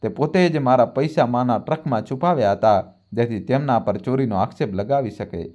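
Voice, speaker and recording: A grieving grown son who turns loud and accusing, his voice pushed up and hard, as a male narrator acts him out. He has a storybook drama feel. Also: mid-range voice, a little fast, lo-fi sound, close to an everyday voice. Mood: furious.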